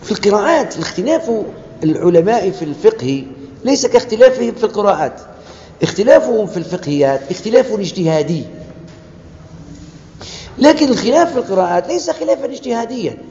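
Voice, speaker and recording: A man with a Tunisian Arabic accent giving a classroom lecture on scripture. He talks in an animated way, acts out quoted dialogue and asks the class questions. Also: high voice, fast, a little hiss or hum. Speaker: lecturer on Quranic sciences. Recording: echoey lecture hall, dull lo-fi sound.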